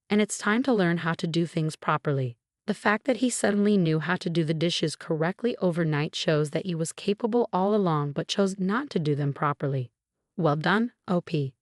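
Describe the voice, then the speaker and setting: Low-voiced woman narrating, dry and even. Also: no room sound. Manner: even, measured reading with no fillers. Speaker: story narrator. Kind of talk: scripted narration of online posts.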